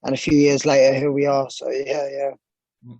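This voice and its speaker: A man's voice: mid-range voice, completely flat delivery, measured pace, creaky, a little mellow, dry recording, dull audio. A young man from England, a boxer, answering interview questions casually with rambling sentences and many fillers.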